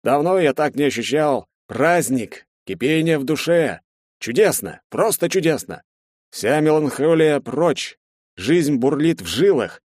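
A man narrating an audiobook, voicing Bartynov, a boisterous and merry young man who talks loudly and jovially. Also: on the high side, big pitch swings, moderate pace, no echo, studio quality, voice pushed up. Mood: exuberant. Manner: loud and jovial.

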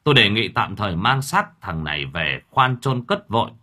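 A man's voice: on the low side, very animated, moderate pace, sharp tone, heavily acted. A man voicing a stern older village head who speaks in a firm, questioning way. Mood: commanding.

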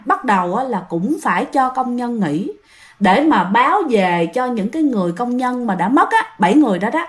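A woman with a Southern Vietnamese accent telling a ghost story in a chatty way, speaking straight to her listeners. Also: on the high side. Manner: chatty, addresses listeners directly.

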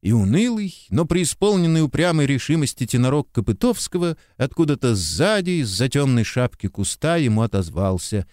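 A male narrator reads classic prose aloud in an expressive, measured way. His pitch moves with animation. The recording is dry and intimate. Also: dry recording. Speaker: audiobook narrator. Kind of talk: literary audiobook narration.

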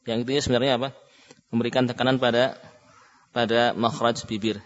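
A man teaching Quran recitation to a class. He chants example words slowly for the students to repeat, then explains patiently with frequent "ya" and "nah". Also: mid-range voice, flat delivery. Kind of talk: classroom instruction with call-and-repeat. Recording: dull lo-fi recording in a reverberant hall.

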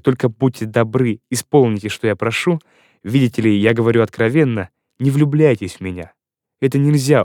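A man voicing a shy, earnest young woman in an audiobook, speaking in a gentle, measured way. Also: mid-range voice, dry recording, clean studio sound, lightly acted. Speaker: audiobook reader. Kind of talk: audiobook character reading.

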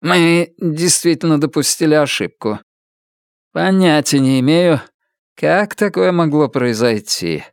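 A man's voice: a little high, measured pace, smooth, no room sound, clean studio sound, pitched above the performer's own voice. A man doing a flustered, hemming realtor. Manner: hesitant, hemming and mumbling. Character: flustered, evasive middle-aged male realtor.

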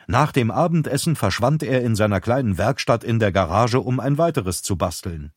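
A man narrating an audiobook in a calm, even storytelling voice. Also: mid-range voice, moderate pace, no room sound, studio quality. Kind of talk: scripted narration.

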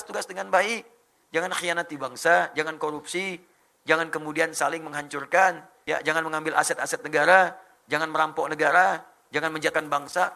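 A male preacher, giving an animated sermon and mimicking phrases from foreign languages. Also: fairly high pitch, vocal fry.

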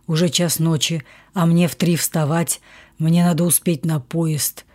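A woman voicing a weary, curt husband with a hoarse voice who has been roused from sleep. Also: deep voice, fairly even intonation, measured pace, darkish tone. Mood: curt, sleepy. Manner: curt, dismissive.

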